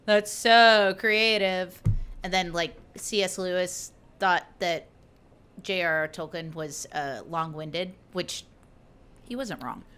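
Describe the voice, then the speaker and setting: A young woman chatting on a podcast at an unhurried pace, her voice bright and forward. She laughs often and leans on fillers like "like". Now and then she drops into mock voices to land a joke. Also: lowish voice, smooth. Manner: giggly, filler-heavy, mock voices for jokes. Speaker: podcast co-host. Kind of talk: casual chat. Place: lives in Buffalo, New York.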